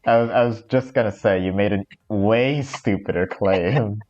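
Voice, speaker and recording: A man's voice: fairly low pitch, normal speed, a little mellow, dull audio. A man chatting casually and with amusement, swearing now and then, as he runs a game with a friend. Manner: amused, profane. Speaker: fan visual novel creator playing along. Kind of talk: casual joking chat during a game.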